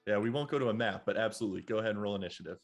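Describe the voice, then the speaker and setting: Low-voiced male game master. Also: racing, faint music behind. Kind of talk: running a tabletop role-playing game.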